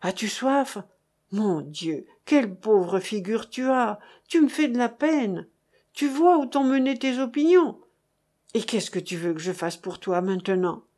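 A woman voicing a pompous old man, a revolutionary judge who blusters loudly, then drops to anxious whispers. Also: high-pitched, lively intonation, measured pace. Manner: bombastic, swinging between bluster and whispers.

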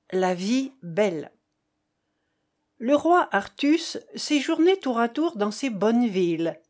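A woman reading a medieval romance aloud as an audiobook narrator, in a slow, even storytelling manner. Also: a little high. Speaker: audiobook reader.

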